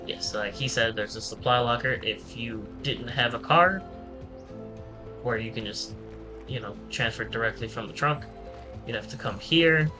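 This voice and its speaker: A man giving a relaxed, rambling, self-deprecating let's-play tutorial commentary. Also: medium pitch, moderate pace, rough recording. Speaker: gaming channel host. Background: game music.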